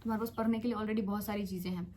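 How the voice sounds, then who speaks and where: A woman's voice: mid-range voice, steady tone, racing, darkish tone, slight background noise. A young woman in her twenties, a medical student, coaching exam students in a casual, bossy, teasing big-sister tone with playful scolding. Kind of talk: casual direct-to-camera coaching.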